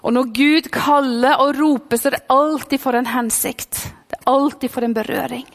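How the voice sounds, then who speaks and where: A woman preaching a sermon with a mix in her speech, fervent, swinging between loud calls and hushed whispers. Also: sits high, fairly even intonation. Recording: long hall reverb.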